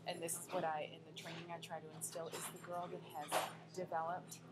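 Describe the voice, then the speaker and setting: Young woman guest, lively and expressive, laptop mic at a restaurant table, clear music behind. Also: fairly low pitch, fast talker, low-quality recording. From United States. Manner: lively, expressive, laughs often. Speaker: guest, pageant coach. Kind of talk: casual interview chat. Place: restaurant dining room, indoors.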